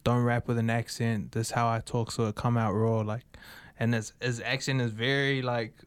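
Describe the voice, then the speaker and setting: A man chatting casually about his album, relaxed, with laughing asides and lots of fillers. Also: medium pitch, moderate pace, clear, resonant tone, no room sound. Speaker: musician introducing his album. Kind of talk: casual chat.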